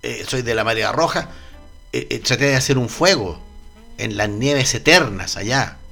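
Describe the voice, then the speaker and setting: A man's voice: medium pitch, normal speed, creaky, bright, forceful tone, faint music behind. A man from Chile with a Chilean accent, telling an absurd comic story in a rambling, stammering, slangy way.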